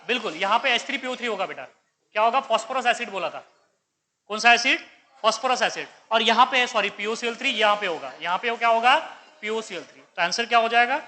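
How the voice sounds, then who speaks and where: Man, chemistry teacher, high-pitched, very bright tone, repeats questions to students, mixes English terms. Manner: quizzing students with repeated questions, calls them beta. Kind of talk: exam paper discussion lecture.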